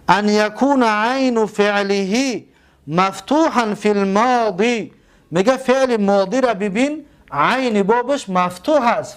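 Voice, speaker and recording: High-voiced man teaching Arabic grammar. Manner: slow drawn-out repetition of example words; asks the class questions and answers them himself.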